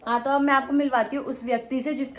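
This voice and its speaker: A young woman vlogger with a high, bright-pitched voice rambles through her story to camera, circling back and repeating herself. The sound bounces around an echoey room. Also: level tone, fast talker, slight background noise. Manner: rambling, chatty, full of fillers and repeats.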